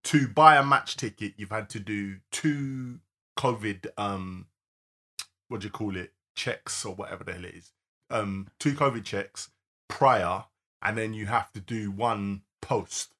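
A man with a London accent co-hosts a podcast in casual, slangy, rambling chat, often searching for words. His voice is fairly low, a little slow, pushed and bright.

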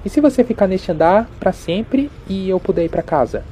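A woman voicing an eerie child outside the door in a horror story. The voice is soft and plaintive, pleading gently, with faint noise in the background. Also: medium pitch, lively intonation, normal speed, natural voice.

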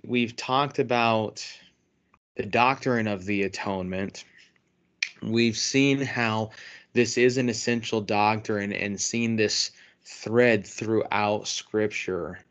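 A man's voice: on the low side, a bit bright, dull audio. A man hosting a casual theological podcast, teaching with stammering restarts and frequent repeated words. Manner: stammering restarts, self-deprecating laughter. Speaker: podcast host.

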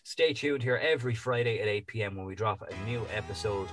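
Over background music, a male podcast host with a lowish voice speaks briskly. His casual chat and sign-off wander loosely, relaxed and full of ums.

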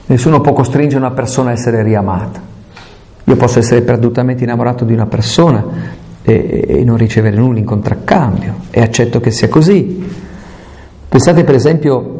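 A man preaching in a relaxed, talky way, his voice low in brightness and gravelly at the edges. He asks his listeners questions and slips into quoted lines as he explains. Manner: conversational preaching with rhetorical questions and quoted asides. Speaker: priest. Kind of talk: sermon.

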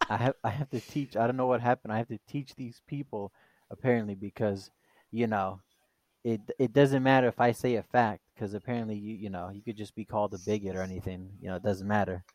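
A man's voice: lowish voice, fairly even intonation, a little fast, darkish tone, no room sound. A man co-hosting a casual podcast who rambles with many fillers and restarts. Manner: rambling, hesitant, full of fillers. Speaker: podcast co-host.

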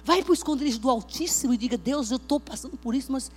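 A woman preaching a Pentecostal sermon at a church service, emphatic, swinging between loud outbursts and hushed talk. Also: high-pitched, fast, slightly rough, faint music behind.

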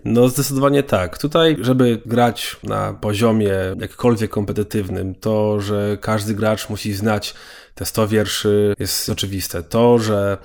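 Lower-voiced man explaining at length. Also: steady tone, gravelly, a little mellow. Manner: measured, detailed explaining. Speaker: documentary filmmaker guest. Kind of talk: explanatory interview answers.

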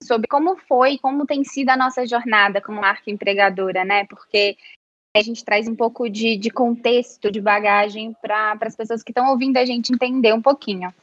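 Slightly high and fairly bright, this woman's voice keeps a fairly even intonation at a moderate pace in a dry recording. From Minas Gerais, Brazil, with a Mineiro Brazilian Portuguese accent, she is a friendly but somewhat nervous podcast guest using many fillers, heard over a home office setup in dull, dry lo-fi audio.

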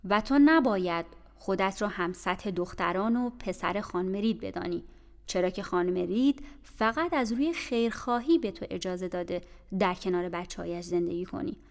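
A woman's voice: mid-range voice, lightly acted. A woman voicing a stern, disapproving household maid in an audiobook, scolding in a cold manner. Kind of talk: audiobook character voice. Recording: reverberant room with faint music.

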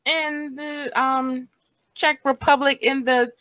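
A woman's voice: sits high, level tone, slow pace, fairly bright tone, no room sound. A woman co-hosting a podcast, chatting casually about a movie, laughing often and using lots of fillers. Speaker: podcast co-host. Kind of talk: casual movie discussion chat.

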